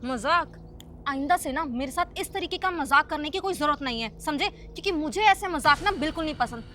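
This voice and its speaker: A woman's voice: high voice, expressive, fairly quick, sharp tone, a little hiss or hum. A woman acting as a hot-tempered wife in a short drama, scolding her husband and later begging him to stay. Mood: angry scolding. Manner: scolding, then pleading. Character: hot-tempered young wife, proud then pleading. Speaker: angry wife. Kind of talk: scripted web short drama.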